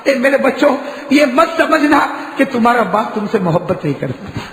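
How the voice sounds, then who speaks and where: A man's voice: very high-pitched, lively intonation, a bit bright, slight background noise, pitched above the performer's own voice. A man preacher voicing a grieving father who cries out to his enemies and his children, repeating his pleas in anguish. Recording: echoey hall reverb.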